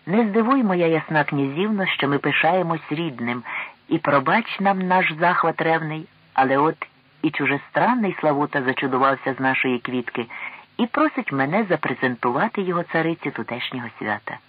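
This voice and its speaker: A man's voice: a little high, expressive, normal speed, slightly rough, narrow, tinny audio. A man voicing a noble, gallant king in an audiobook, speaking in a courtly, exclaiming manner, raised above his narrating voice. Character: noble, warm-hearted young king, gallant.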